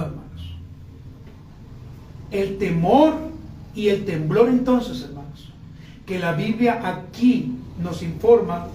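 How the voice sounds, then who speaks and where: A man's voice: high voice, darkish tone, slight background noise. A Colombian man preaching a sermon as pastor, fervently calling out to the brethren. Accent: Colombian Spanish. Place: church hall. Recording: echoey church hall, mic from a distance.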